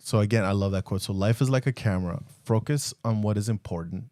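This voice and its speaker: A man's voice: fairly low pitch, quick pace, dark tone, dry recording, studio quality. A man co-hosting a podcast, teasing and bantering playfully in casual chat. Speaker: podcast co-host.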